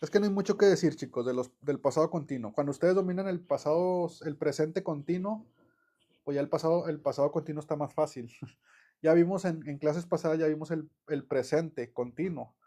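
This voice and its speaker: A man giving a casual online English grammar lesson, chatty and relaxed, with many fillers and self-corrections. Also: on the high side, a little fast. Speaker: English teacher.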